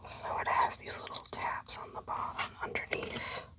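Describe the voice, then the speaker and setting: The host of an unboxing video, a woman, murmurs her ASMR commentary in hushed tones. She takes her time, sounding as if she's musing privately.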